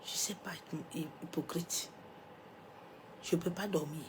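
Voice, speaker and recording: A female pastor, sick with a cold and coughing, delivers a sermon at normal speed in a fairly low voice with fairly even intonation over a noisy background. Her delivery shifts from forceful, loud proclamations to hushed, near-whispered remarks, dotted with little rhetorical interjections.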